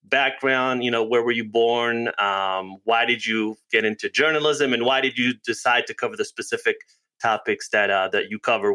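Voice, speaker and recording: A man's voice: mid-range voice, bright, forceful tone. A man hosting a podcast, chatting casually and loosely, often repeating words as he thinks. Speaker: podcast host. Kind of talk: casual interview chat.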